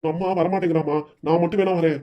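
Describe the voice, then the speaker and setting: A woman voicing a stubborn, hard-of-hearing old grandfather in a cartoon comedy, with a southern Tamil Nadu accent, demanding and gruff. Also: lowish voice, fairly even intonation, fast talker, muffled recording, voice pushed down, close to an everyday voice. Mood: grumbling.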